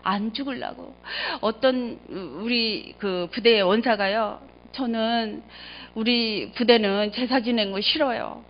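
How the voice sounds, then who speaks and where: A middle-aged woman pastor preaches with fervor, her voice pitched somewhat high. She swings from loud exclamations to hushed, low remarks as she tells her stories. The sound is dull and lo-fi. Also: slow. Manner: emotional storytelling, swings between loud exclamations and quiet low asides. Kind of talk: sermon.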